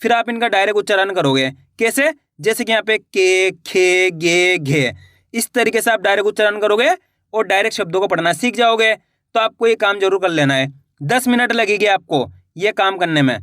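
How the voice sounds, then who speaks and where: A man teaching beginners to read, sounding out syllables slowly one by one and answering his own questions. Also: high-pitched, animated, fairly bright tone, dry recording, studio quality. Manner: slow, drilled syllable-by-syllable sounding out; asks the viewer questions, then answers them himself. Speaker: Hindi reading teacher. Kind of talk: online reading lesson for beginners.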